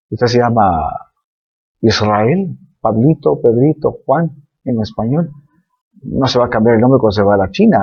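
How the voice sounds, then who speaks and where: Husky Spanish-speaking man teaching scripture. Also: medium pitch, highs cut off. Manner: explanatory, many fillers and tag questions. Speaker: Bible teacher.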